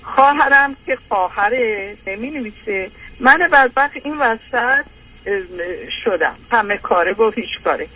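A woman's voice: on the high side, expressive, bright, forceful tone, slightly rough, rough recording. An older woman calling in, rambling through an aggrieved personal complaint with many hesitations.

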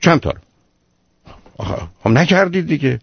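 A man's voice: a little high, sing-song, vocal fry, slightly rough, no echo, dull audio. A man hosting a radio call-in advice show, lecturing a caller sternly and emphatically.

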